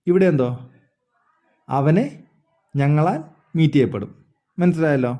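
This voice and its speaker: Guy teaching english grammar, slightly high mellow voice, repeats stuff a lot. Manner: explains slowly, repeats words, asks "understood?". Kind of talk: spoken English lesson.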